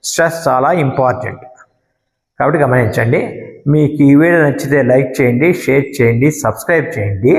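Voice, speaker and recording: Lively-voiced Telugu-accented man teaching. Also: on the high side. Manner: explains slowly, stretching out example words. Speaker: English teacher. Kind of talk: classroom lecture. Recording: echoey room with long reverb.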